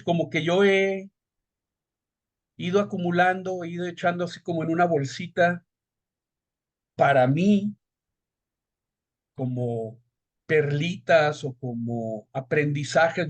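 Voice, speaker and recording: A man's voice: fairly high pitch, dry recording. A man in his fifties, a guest copywriter talking on an online call with headphones, rambling and digressive with many restarts. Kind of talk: casual conversational interview. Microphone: headphones on a video call. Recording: dull lo-fi online call audio.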